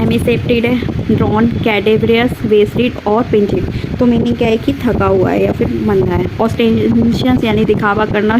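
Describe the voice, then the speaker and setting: A woman's voice: fairly high pitch, heavy background noise. A woman teaching vocabulary in a casual recorded class, running through word lists with fillers and self-corrections.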